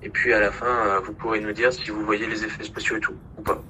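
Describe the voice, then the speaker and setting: A man's voice: on the low side, flat delivery, quick pace, bright, forceful tone, slight background noise, rough recording. A man chatting as a podcast panelist, earnest and hesitant. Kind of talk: casual podcast chat.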